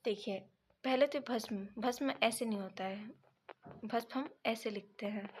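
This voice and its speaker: A woman teaching an exam prep lesson, reading each option and then correcting it step by step, sometimes pausing to check her notes. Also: fairly high pitch, slight background noise. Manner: pauses to check notes mid-sentence.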